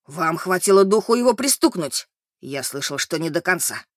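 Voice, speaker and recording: A man doing a loud drunk restaurateur. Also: sits high, lively intonation, moderate pace, no room sound, clean studio sound. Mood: drunk elation. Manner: loud, exclamatory. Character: drunk, overexcited male ex-restaurateur. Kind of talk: audiobook character reading.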